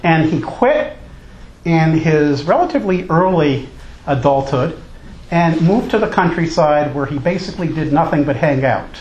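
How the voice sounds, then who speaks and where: A man's voice: fairly high pitch, animated, moderate pace, darkish tone, highs cut off. A male college teacher talking informally and teasing his class with jokes. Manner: jokey, teasing. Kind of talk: informal lecture and class banter. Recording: echoey room with background noise.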